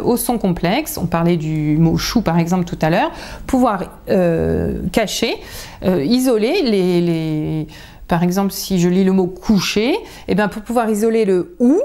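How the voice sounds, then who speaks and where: A woman teaching parents in a casual video lesson, her voice warm and soft-edged at an ordinary middle pitch. She explains patiently and chattily, pausing with frequent fillers as she talks straight to the camera. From France.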